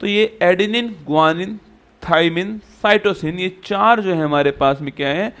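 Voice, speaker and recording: Male coaching teacher with a high voice, repetitive, quizzing style. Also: slow pace, fairly bright tone. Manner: repetitive, quizzes students with rhetorical questions. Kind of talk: exam-prep classroom lecture.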